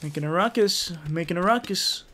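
A young man commentating a game in a rowdy, profane way, yelling taunts at the characters. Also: high-pitched, brisk, background noise. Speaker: gaming YouTuber.

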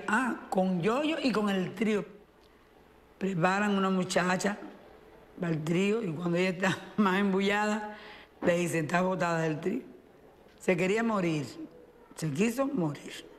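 A man recalling past events bluntly and colloquially in a documentary interview. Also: high-pitched. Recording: reverberant room.

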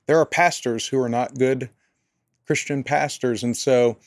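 A man's voice: medium pitch, steady tone, a little slow, no echo. Earnest man, dry close sound. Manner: earnest, thoughtful, with frequent restarts. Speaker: pastor and area director, podcast guest. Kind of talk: conversational interview answers.

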